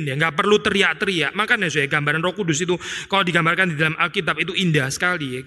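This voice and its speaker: A man's voice: a little high, sharp tone. A male pastor preaching an expository sermon in a conversational way, tagging his sentences with little asides to the congregation. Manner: conversational preaching with frequent "ya" and "saudara" tags. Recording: long hall reverb.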